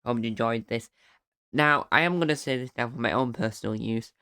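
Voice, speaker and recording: A man with a smooth, clean-toned voice at an ordinary middle pitch hosts a casual solo podcast. He rambles in a friendly way and breaks into excited whoops now and then. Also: brisk. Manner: chatty and rambling, with bursts of excited cheering. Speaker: podcast host.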